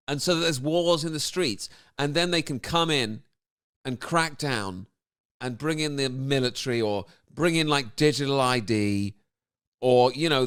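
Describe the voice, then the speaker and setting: A man's voice: fairly high pitch, a bit bright. A man doing comedic commentary on a video, firing off sarcastic, incredulous rhetorical questions.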